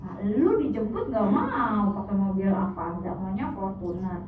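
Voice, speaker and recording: A woman giving a casual hypnotherapy lecture, chatty and animated, sometimes acting out soothing instructions to a patient. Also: medium pitch, a little slow, slight background noise. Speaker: hypnotherapy trainer. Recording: echoey room, far mic, tinny lo-fi sound.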